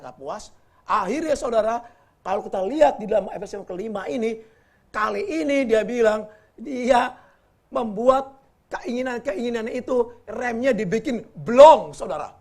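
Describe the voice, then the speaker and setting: A man's voice: extremely high pitch, vocal fry, husky. A man preaching in a casual Bible teaching style, joking and often addressing his listeners directly. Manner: lively, jokey, often addresses listeners as brothers.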